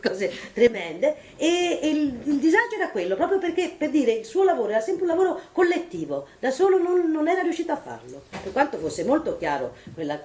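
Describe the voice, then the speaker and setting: A woman on a panel at a book presentation, recounting film-set anecdotes in a lively way and laughing as she goes. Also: sits high, fairly quick, few pauses, a little hiss or hum. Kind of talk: anecdotal public talk. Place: bookshop event room.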